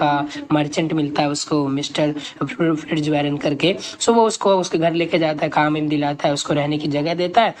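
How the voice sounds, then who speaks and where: Low-voiced Indian woman teaching a lesson. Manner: reads English text slowly, then explains it in Hindi with many fillers. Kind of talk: lesson explaining an English story in Hindi.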